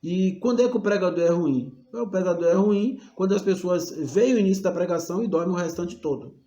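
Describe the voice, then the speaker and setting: A man's voice: high voice, fairly quick, warm tone, roomy sound, lo-fi sound. A man teaching a class on preaching in a preacherly way, calling his listeners brothers and shifting his tone and pace. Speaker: homiletics teacher. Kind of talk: recorded class lecture.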